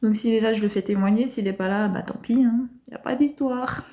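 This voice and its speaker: A woman hosting a casual livestream, answering viewers' comments calmly and hesitating with many fillers. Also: fairly high pitch, fairly quick. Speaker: livestream host.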